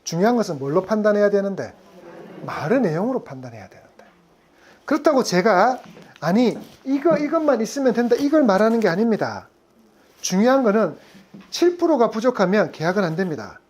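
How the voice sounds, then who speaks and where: Woman lecturer, animated pitch, quizzes the room constantly. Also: brisk, husky. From Gyeongsang region. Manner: asks the audience frequent questions. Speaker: insurance sales lecturer. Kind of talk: lively classroom lecture.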